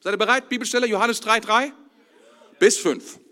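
A man's voice: sits high, moderate pace, pushed and bright. A man preaching a casual sermon, enthusiastic and colloquial, often repeating words as he builds a point.

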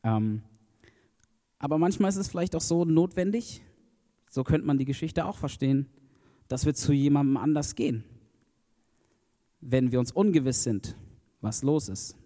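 A man preaching in a relaxed, conversational way, reading a Bible passage and then talking about it with fillers and asides. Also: mid-range voice, long reverb tail. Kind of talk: casual sermon with Bible reading.

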